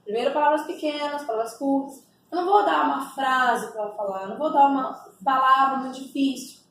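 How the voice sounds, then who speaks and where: High-voiced woman in an echoey room. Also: fairly quick, fairly bright tone. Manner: explanatory, frequent tag questions, models words aloud. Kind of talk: teaching a training session. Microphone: distant mic. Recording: echoey room, distant mic, faint noise.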